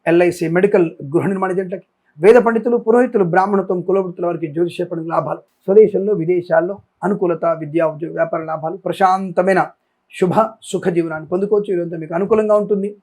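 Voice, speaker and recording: A male astrologer hosting a daily horoscope reading. He talks quickly in a high voice and reels off long lists of predictions. His appeals to the audience are emphatic. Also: fairly even intonation, dark tone. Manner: rapid listing, emphatic appeals. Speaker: astrologer and channel host.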